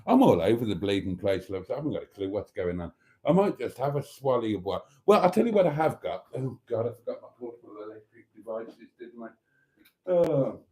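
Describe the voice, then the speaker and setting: A British man with a mellow, soft-edged voice and a campy drag-queen delivery. He hosts a livestream in a rambling, cheeky way, tripping over himself with flustered exclamations and saucy asides. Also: mid-range voice, big pitch swings, brisk, rough recording. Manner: flustered, self-interrupting, sweary. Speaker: host of an after-party livestream.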